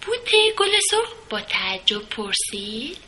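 Bright-voiced woman telling a children's story. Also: fairly high pitch, very animated, poor audio.

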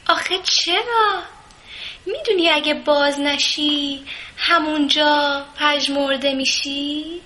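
A woman voicing a kind, motherly rose bush that gently coaxes and advises a timid bud. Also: sits high, lively intonation, pitched above the performer's own voice. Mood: coaxing.

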